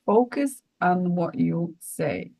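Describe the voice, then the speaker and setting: A woman's voice: fairly low pitch, lively intonation, slow pace, creaky, darkish tone, rough recording. A woman co-hosting a spiritual podcast, talking in an earnest, rambling way with many restarts. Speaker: podcast co-host.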